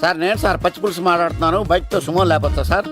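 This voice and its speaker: An actor playing a boastful bumbling sidekick in a film comedy. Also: male voice, high voice, steady tone, very fast, lightly acted. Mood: swaggering. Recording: film soundtrack with music.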